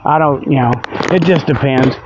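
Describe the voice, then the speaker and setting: Speaking at a moderate pace in a medium pitch, a man delivers a folksy, rambling comic radio monologue full of repetition. The recording is muffled with a noisy background, captured on a handheld budget tablet during a pre-dawn outdoor walk.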